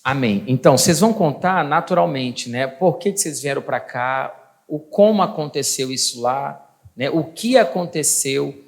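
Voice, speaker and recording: A man's voice: medium pitch, expressive, moderate pace, creaky. A man leading a church meeting, prompting guests to speak and the congregation to answer. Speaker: church host. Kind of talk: church talk.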